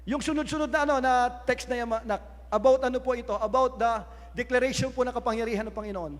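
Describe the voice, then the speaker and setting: High-voiced Filipino pastor preaching in a reverberant hall. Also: male voice, steady tone, quick pace. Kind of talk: sermon. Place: church hall. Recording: long reverb of a church hall.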